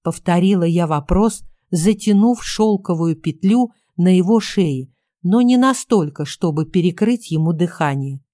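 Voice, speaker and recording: Casting: woman narrator for a first-person audiobook, mellow tone, dry studio sound, clipped and commanding. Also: fairly low pitch, no echo. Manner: cool, clipped and commanding in dialogue.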